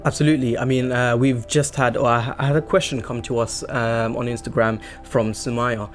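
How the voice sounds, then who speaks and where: An earnest man hosting a relaxed podcast conversation, his voice at an ordinary pitch for a man. He often stops and restarts his sentences as he works out his point. Faint music sits under the talk. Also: a little fast. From England. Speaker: podcast host. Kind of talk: casual podcast chat.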